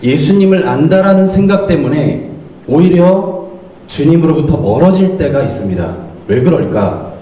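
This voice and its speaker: Animated pastor preaching in a roomy hall. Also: male voice, fairly high pitch, moderate pace. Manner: animated preaching, acts out quoted lines. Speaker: associate pastor. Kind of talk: sermon. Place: church hall. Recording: roomy church hall, mic at a distance, faint noise.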